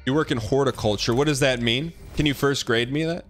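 A man's voice: medium pitch, brisk. A man doing casual live game commentary as a streamer, with slangy, chatty asides. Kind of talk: casual live game commentary, reading chat and on-screen text. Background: game music.

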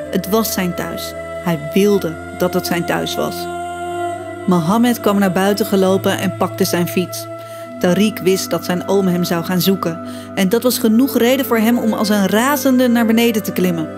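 A woman reading a children's story aloud as scripted narration, expressive and lively, voicing the characters' cries. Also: medium pitch. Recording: music bed behind voice.

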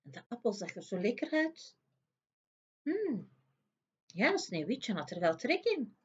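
A woman reading a fairy tale aloud for children in a slow, expressive way. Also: on the high side, husky, dull audio. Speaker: storyteller.

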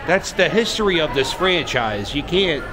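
A man in his forties vlogging as he walks through a baseball stadium, loud and excitable, shouting cheers. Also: fairly high pitch, moderate pace. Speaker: vlogger and sports fan. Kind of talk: excited vlog commentary. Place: crowded baseball stadium concourse. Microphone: handheld camera at arm's length. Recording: loud crowd noise at a ballpark. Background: loud crowd and stadium noise.

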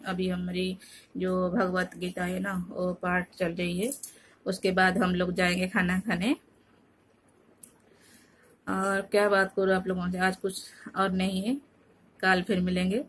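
A tired woman from Odisha, India, telling a home vlog in a casual, halting way, often searching for words and restarting. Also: on the low side, a little hiss or hum. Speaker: vlogger. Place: home at night.

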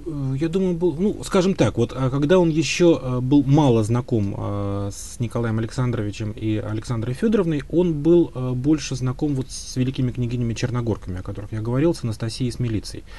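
Here a man interviewed for his history expertise answers at length, hedging thoughtfully and using many filler sounds. His mellow voice stays in the mid-range, moving at a quick pace with few pauses.

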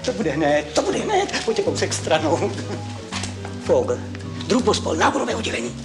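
An actor in a 1970s film comedy playing a smooth, wheedling recruiter luring a worker away. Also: male voice, fairly high pitch, big pitch swings, music in the background. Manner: smooth-talking, wheedling salesman. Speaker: staff recruiter.

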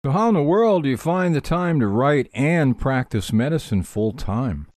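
A man hosting an interview, asking questions in a lively, upbeat way. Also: mid-range voice, normal speed, no echo, clean studio sound. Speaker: host. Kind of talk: radio-style interview.

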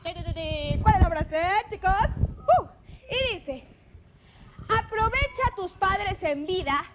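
High, chatty Mexican woman hosting TV. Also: animated, takes it slowly, lo-fi sound, background noise. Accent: Mexican Spanish. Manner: chatty, affectionate, gushing with pet names. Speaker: TV show host. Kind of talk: live TV chat, reading viewer messages. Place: TV studio. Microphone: handheld microphone.

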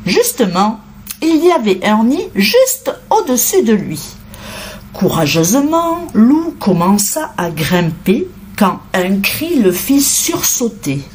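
Woman narrator, children's storybook read-aloud, lively sing-song intonation, slow pace. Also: fairly high pitch, slight background noise. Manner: expressive, unhurried, sing-song.

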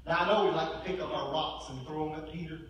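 A male pastor preaching a sermon, swinging between loud peaks and low murmurs. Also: steady tone, fast, a little hiss or hum. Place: large church sanctuary. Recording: echoey room, heard from far off.

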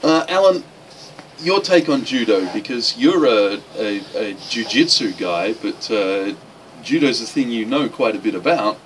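A man's voice: mid-range voice, animated, a little slow, distant mic, poor audio. A male radio host chats and teases his guests in a studio. His voice sits a little away from the microphone, with a faint hiss underneath. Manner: jokey, teasing. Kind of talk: casual radio talk show banter.

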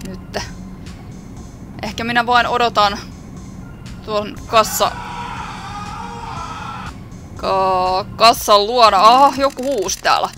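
A gaming YouTuber giving casual, jokey running commentary while playing a game. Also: medium pitch. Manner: chatty, jokey running commentary with small laughs.

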